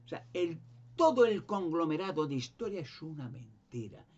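A man's voice: fairly high pitch, sing-song, moderate pace, darkish tone, slightly rough. A man talking in a rambling, emphatic monologue, stumbling over and repeating his words. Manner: emphatic, repetitive, restarts words. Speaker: conspiracy talk guest. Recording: dull lo-fi sound.

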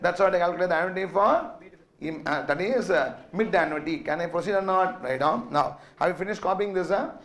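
A man's voice: high voice, fairly quick, a bit bright. A middle-aged man with a South Indian accent, teaching like a classroom lecturer, repeating himself and asking questions he then answers. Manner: repetitive, asks and answers own questions. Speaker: finance lecturer.

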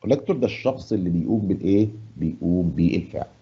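A man with an Egyptian Arabic accent teaching an English lesson. He asks the class questions and answers them himself, and he stresses English words slowly and loudly. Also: low-pitched, lively intonation, breathy edge, dull audio. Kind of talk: classroom lesson explaining grammar and pronunciation. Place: studio.

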